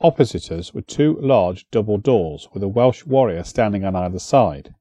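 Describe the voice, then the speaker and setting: A man narrating an audiobook in a measured storytelling manner on a close studio mic. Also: on the low side, lively intonation, dark tone, no echo.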